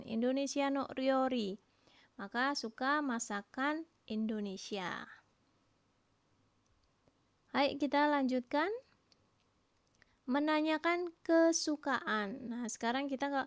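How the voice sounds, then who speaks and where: A woman teaching a language lesson, explaining patiently and modelling each phrase slowly, with questions rising at the end. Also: high voice, dry recording. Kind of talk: recorded online lesson.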